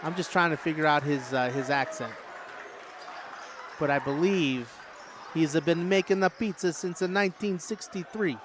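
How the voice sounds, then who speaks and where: A man doing casual, jokey play-by-play for a high school basketball game, chatting with listeners between calls. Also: normal speed. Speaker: play-by-play announcer. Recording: noisy gym broadcast.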